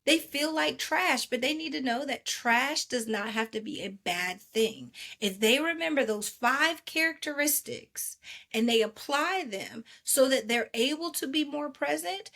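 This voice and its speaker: A woman speaking as a podcast guest, an animated storyteller who acts out quotes from her own life. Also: high voice, measured pace, creaky. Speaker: podcast guest, maternal wellness advocate. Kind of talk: casual podcast interview.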